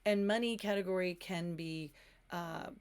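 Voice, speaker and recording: A woman's voice: fairly low pitch, unhurried, smooth. A woman teaching manifestation in a casual, candid, conversational way, with a touch of self-deprecation.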